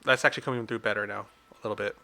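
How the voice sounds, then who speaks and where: A man's voice: fairly low pitch, racing, creaky. A man co-hosting a live tarot stream, chatting casually about the reading and fixing audio problems. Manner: relaxed, chatty, talks over his partner. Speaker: tarot reader co-host.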